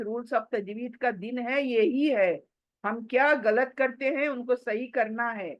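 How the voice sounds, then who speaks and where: Woman recitation teacher, fairly high voice, patient, with mixed in, slow clear modelling, muffled lo-fi recording. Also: dry recording. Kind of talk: tajweed lesson with recitation.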